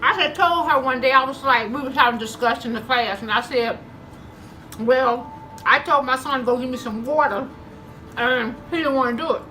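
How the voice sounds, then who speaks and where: High, bright and forceful at a moderate pace, this mukbang vlogger's voice comes through a low-quality recording with slight background noise. She chews between phrases while casually recounting stories to y'all, acting out the dialogue.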